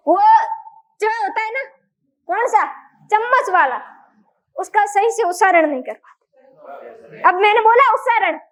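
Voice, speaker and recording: Casting note: woman teacher, very high-pitched voice, a quizzing classroom manner. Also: a bit bright, low-quality recording. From India. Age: adult. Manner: asks the class frequent questions. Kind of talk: classroom grammar lesson.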